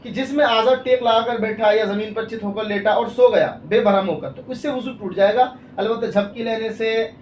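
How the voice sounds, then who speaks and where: A man's voice: high-pitched, few pauses. A man, an Islamic scholar, explaining religious rules step by step in a question-and-answer talk, with worked examples and frequent checks that the listener follows. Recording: echoey room, mic far off, faint ambient noise.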